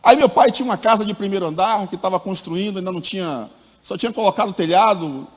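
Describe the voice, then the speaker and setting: A middle-aged man giving a personal testimony at a church meeting. He tells the story in an animated way, acts out the people in it, and calls his listeners "my brother.". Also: sits high, fast. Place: church hall. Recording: long reverb of a church hall.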